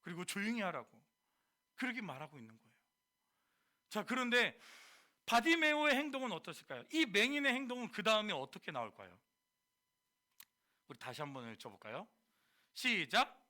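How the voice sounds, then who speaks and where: Animated high-voiced male youth preacher. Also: normal speed, pauses often. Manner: animated, quizzes the audience, mixes casual speech. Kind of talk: sermon to high schoolers.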